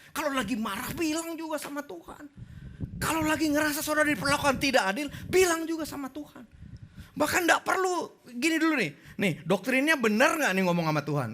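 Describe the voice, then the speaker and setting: Animated male pastor preaching. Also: breathy edge. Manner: swings from soft low reading to loud high emphatic preaching; conversational, asks the congregation questions. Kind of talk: sermon.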